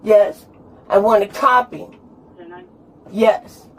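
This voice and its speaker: A woman's voice: medium pitch, steady tone, extremely slow. A drunk woman being arrested, arguing with police in an insistent, repetitive, protesting way. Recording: noisy police body camera audio.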